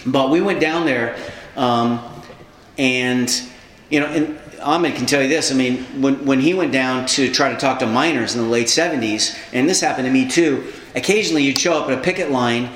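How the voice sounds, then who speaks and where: Speaking at medium pitch and an ordinary speed, a man recounts his socialist organizing past as casual stories. He's lively and imitates the voices of those he quotes. The recording has an echoey quality and a faint background hum of ambience.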